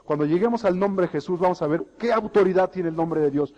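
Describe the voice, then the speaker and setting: A man's voice: high voice, quick pace, darkish tone, lo-fi sound. A man preaching a sermon in a church hall, emphatic and asking the congregation questions. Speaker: pastor.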